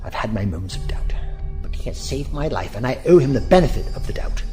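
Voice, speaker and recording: An actor playing a thoughtful time-travelling adventurer in an audio drama, with a musing, gently wry, theatrical manner. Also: male voice, mid-range voice, big pitch swings, quick pace, music in the background, natural voice. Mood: earnest.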